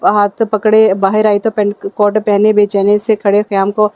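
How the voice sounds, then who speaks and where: A woman's voice: mid-range voice, monotone, moderate pace, a little mellow, dry recording. A woman narrating a romance novel as an audiobook, reading steadily with small slips.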